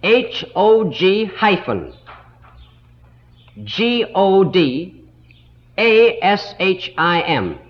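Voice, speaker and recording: A man teaching a Bible school lesson in a slow, deliberate way, stopping to spell out words letter by letter, heard on an old 1960s tape recording. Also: sits high, sing-song, lo-fi sound.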